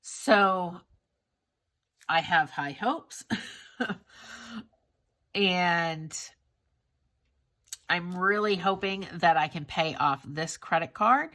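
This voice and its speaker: A congested woman talks through her monthly budget in a relaxed, unhurried vlog. Her voice is fairly low yet bright and forward, and her stuffy nose comes through. She sounds candid and self-critical, with plenty of fillers and restarts. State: congested from a cold. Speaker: budgeting vlogger.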